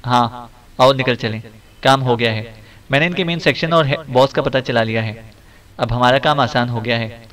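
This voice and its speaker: A man's voice: mid-range voice, normal speed, fairly bright tone, distant mic, natural voice. A man voicing a ruthless male spy major who interrogates in a stern, growling tone, read for an audiobook. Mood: brisk, pleased.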